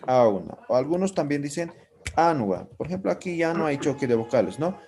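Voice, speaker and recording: A man's voice: a little high, sing-song, fairly quick, creaky, darkish tone, a little hiss or hum. A man teaching a language class who explains patiently and keeps checking that students follow with short tag questions. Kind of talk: live online class.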